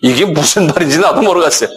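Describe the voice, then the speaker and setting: A middle-aged man preaching a sermon as pastor, animated and acting out scolding dialogue, often asking his listeners for assent. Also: rough recording. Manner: animated, acts out dialogue with sudden raised pitch.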